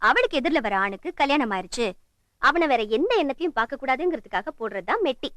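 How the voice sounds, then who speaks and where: A woman's voice: high voice, lively intonation, no echo. An actress playing a newly married wife who argues sharply with her husband in a Tamil film. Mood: explaining. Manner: sharp-tongued, quick to argue. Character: quarrelsome young bride, resentful of in-laws.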